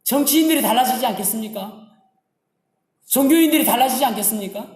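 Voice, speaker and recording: A man preaching a Sunday sermon as pastor, mixing stories and scripture in an animated style, in an echoey church hall. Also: very high voice, fast.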